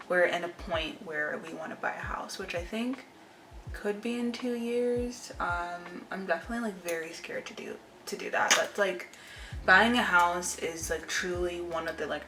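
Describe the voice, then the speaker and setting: Sitting indoors at home, a lifestyle vlogger in her twenties rambles and confides in an informal chat to camera. Her pitch is fairly low, there's background noise, and the recording has a roomy echo with music playing.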